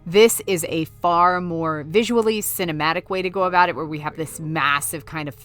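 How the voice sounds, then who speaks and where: Woman doing a horror movie commentary, bright forceful voice, kinda low, gets loud and swears. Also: moderate pace. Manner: enthusiastic, swears, reacts loudly to scenes. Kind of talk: film commentary.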